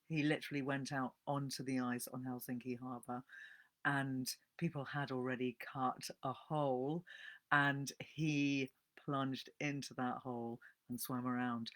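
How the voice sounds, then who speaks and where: Chatty woman hosting a live book talk. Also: sits low. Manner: chatty, animated, greets viewers as they join. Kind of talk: casual live-stream talk to viewers.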